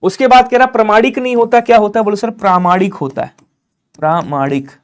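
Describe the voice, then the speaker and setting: A man teaching a live online exam-prep class, urging viewers to comment quickly and answering in his students' voice. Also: very high-pitched, a little mellow. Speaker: Hindi teacher.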